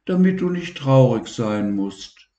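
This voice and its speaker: A man voicing a gentle, worried young boy in a storybook reading. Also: sing-song, slow, echoey room, dull audio. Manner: raised childlike pitch, anxious.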